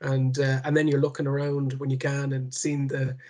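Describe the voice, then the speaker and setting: A man with a west of Ireland accent, chatting casually as an interview guest in a halting way, often repeating words. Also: medium pitch, monotone, dark tone. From Connemara, west of Ireland. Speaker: interview guest, ultra cyclist.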